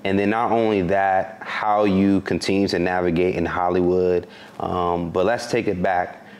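A man hosting a casual interview, asking relaxed, meandering questions. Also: deep voice, moderate pace. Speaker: interview host.

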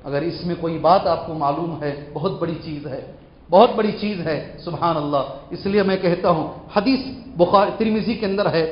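A high-pitched male scholar delivers a fervent Quran lesson, quizzing his audience and climbing to impassioned crescendos. The recording is dull and lo-fi, with the echo of a large hall around him. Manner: fervent, rising to impassioned peaks, questions the audience.

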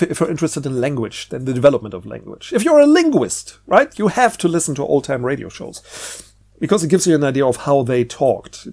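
A middle-aged book reviewer talks about books casually and without a script, hesitating and rambling as he thinks aloud and often repeating words. His voice is on the high side and darkish, with vocal fry.

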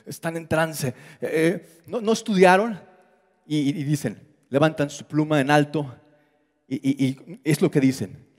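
A man with a high-pitched voice delivers an animated sermon. He acts out quoted voices and drops to a hushed low register for emphasis. His voice rings with the long reverb of a church hall. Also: measured pace. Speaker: pastor.

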